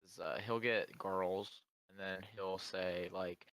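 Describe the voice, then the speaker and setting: Lower-voiced young man, scornful. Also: fairly even intonation, fairly bright tone, smooth. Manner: scornful, quick to laugh. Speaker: podcast co-host. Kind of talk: casual chat.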